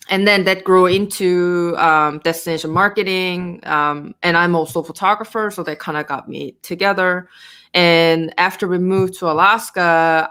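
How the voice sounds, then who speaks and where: A woman's voice: on the low side, fairly bright tone, clear, resonant tone. A woman from Korea with a Korean accent, speaking English as a second language, talking casually as an interview guest with frequent fillers and restarts.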